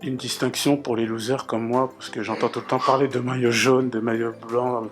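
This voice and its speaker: A fed-up viewer with a plain, mid-pitched voice, read by a man. Faint music plays underneath. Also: flat delivery, normal speed, natural voice. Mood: grumbling. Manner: plain questions, slightly sulky. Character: grumbling viewer asking questions, adult.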